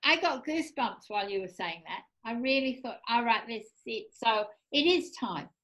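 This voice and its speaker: A woman's voice: a little high, expressive, moderate pace, fairly bright tone, rough recording. A woman hosting a chat show, talking about her art in a chatty, enthusiastic way. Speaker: show host, artist. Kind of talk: casual chat.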